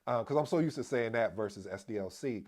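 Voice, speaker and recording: A man hosting a casual explainer video on project management, addressing viewers as family, energetic and prone to restarts. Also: medium pitch, fast. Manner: restarts and repeats himself as he talks. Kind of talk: casual explainer talk to camera.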